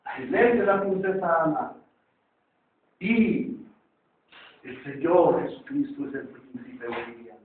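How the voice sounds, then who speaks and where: A man preaching in Spanish who tells a story to his congregation, with drawn-out, emphatic phrases, heard on a tinny, echoey recording from far off. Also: fairly high pitch, big pitch swings. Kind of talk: sermon with storytelling. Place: church.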